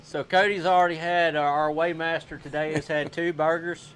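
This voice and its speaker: A man announcing catches at an outdoor fishing weigh-in, loud and chatty. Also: on the high side, flat delivery, moderate pace, slight background noise. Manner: loud, chatty, coaching others. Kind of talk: live weigh-in commentary.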